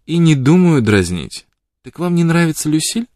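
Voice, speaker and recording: A man voicing a proud, quick-witted young woman who answers with sharp, challenging retorts. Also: fairly high pitch, very animated, no room sound, clean studio sound, voice pushed up. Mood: teasing.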